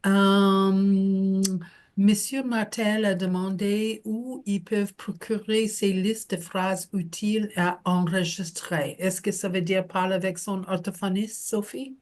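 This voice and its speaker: A woman hosting a webinar on a video call, speaking haltingly with many fillers. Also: medium pitch, steady tone, darkish tone. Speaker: webinar host.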